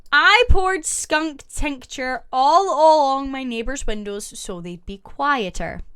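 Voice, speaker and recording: On a casual live-stream, a woman reads online stories and fires back brief reactions to her chat. She speaks in a high voice that sounds pushed and bright.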